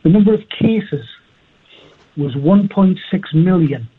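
A man's voice: high voice, animated, slow pace, breathy edge. A man calling a radio show over the phone, earnest and persistent, reciting figures through a muffled line. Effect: heard over a phone line.

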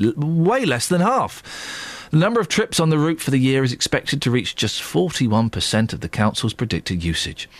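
A man's voice: medium pitch, dry recording. An English man presenting a radio show informally, with teasing banter and rhetorical questions. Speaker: radio breakfast show host.

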